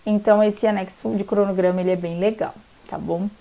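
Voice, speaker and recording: A woman's voice: mid-range voice, steady tone, a little fast, mellow. A young woman from São Paulo, explaining exam rules in a chatty vlog and often checking in with "tá bom?". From Brazil, São Paulo state. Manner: chatty, peppers sentences with "tá bom?". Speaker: law graduate explaining bar exam rules.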